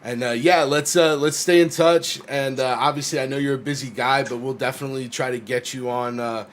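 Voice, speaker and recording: A man hosts a laid-back livestream, friendly and loose. He fills his sentences with small pauses and "uh"s. A faint noise sits under his voice. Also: mid-range voice. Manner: relaxed, friendly, filler-heavy. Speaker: stream host. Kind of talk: casual livestream chat.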